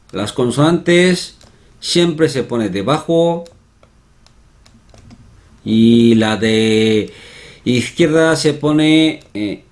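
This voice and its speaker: Guy teaching a grammar lesson, talks slow, says everything twice and keeps tossing in little tag questions. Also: medium pitch, darkish tone. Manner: repetitive, checks in with tag questions. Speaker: Korean language teacher. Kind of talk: explanatory online lesson.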